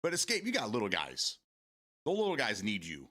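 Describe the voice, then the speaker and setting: A man's voice: fairly low pitch, wildly swooping pitch, a little fast, pushed and bright, a little hiss or hum. A man in his forties hosting a casual morning stream, rambling, repeating words and swearing casually as he answers viewer comments. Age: 40s.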